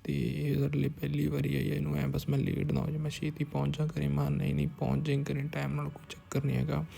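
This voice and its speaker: A man's voice: on the high side, monotone, fast talker, creaky, warm tone. A man narrating a behind-the-scenes shoot in casual, rambling chat, often dropping to whispered asides. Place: village house on a film shoot.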